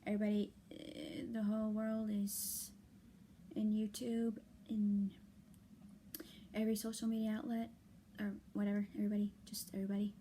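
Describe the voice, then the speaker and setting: Late at night, a worn-out young vlogger vents to her viewers in a soft, halting way, often half-whispering, her mid-range voice slightly hoarse and full of fillers. She speaks in a monotone, with a little hiss or hum in the recording.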